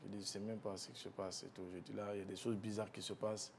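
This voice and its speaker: A man recounting a personal loss in an interview, speaking softly and haltingly, with frequent restarts and a voice that drops low at painful moments. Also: little pitch movement, creaky, a little hiss or hum. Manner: soft-spoken, halting with restarts, low when recalling grief. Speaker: guest.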